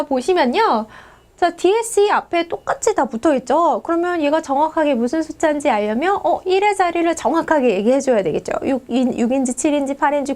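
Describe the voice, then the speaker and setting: High-voiced woman teaching a language lesson. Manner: lively, coaxing, asks questions and answers them. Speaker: Spanish teacher.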